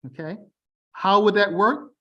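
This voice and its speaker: Speaking at a measured pace in a high, somewhat bright voice, a middle-aged Baltimore man delivers an online presentation through a video call, and the audio comes across muffled. He sounds largely standard American with a faint local Baltimore touch. His style is plain and chatty, punctuated by frequent "okay?" and "all right?" check-ins.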